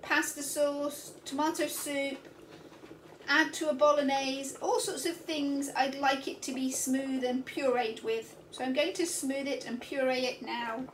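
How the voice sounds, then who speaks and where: A woman's voice: high-pitched, steady tone, measured pace, background noise. A woman in her fifties chatting cheerfully as she shows each step of cooking in her home kitchen. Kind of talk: casual kitchen demonstration. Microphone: camera mic at a distance. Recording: roomy kitchen sound, mic a little far off.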